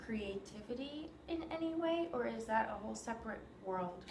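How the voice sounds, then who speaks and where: Woman, interviewer, gentle curious questions, attentive listener, echoey room, noticeable background noise. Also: on the high side, moderate pace. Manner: attentive, asks gentle questions, frequent soft backchannels. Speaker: interviewer, violinist. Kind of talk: casual interview. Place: room in New York. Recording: roomy sound with steady background noise.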